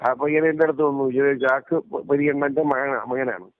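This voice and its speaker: Man talking fast over a tinny phone line. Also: medium pitch, fairly even intonation, no room sound. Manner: emphatic, repeats points. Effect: heard over a phone line. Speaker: interviewee. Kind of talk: casual phone conversation.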